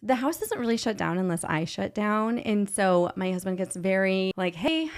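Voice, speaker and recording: A woman podcast host chatting casually, telling an animated story about her own kids. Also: mid-range voice, moderate pace. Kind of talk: casual conversation.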